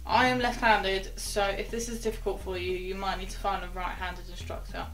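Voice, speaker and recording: Recorded roughly and close to a camera inside a small wooden cabin, a young woman who teaches sailing explains knot-tying one step at a time in a chatty manner, adding quiet asides while working the rope. She speaks at normal speed in a medium pitch with little pitch movement.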